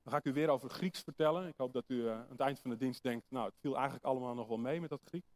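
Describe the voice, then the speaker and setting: A man's voice: mid-range voice, rapid-fire, darkish tone. A man preaching a sermon, explaining a word, reading scripture aloud and asking his listeners rhetorical questions.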